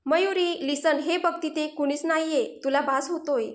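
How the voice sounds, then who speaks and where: A woman's voice: high-pitched, steady tone, normal speed, voice pushed up, lightly acted. A woman voicing Anay, protective young man. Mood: urgent pleading. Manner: gentle, reassuring, sometimes urgent. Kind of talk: Marathi audio story dialogue.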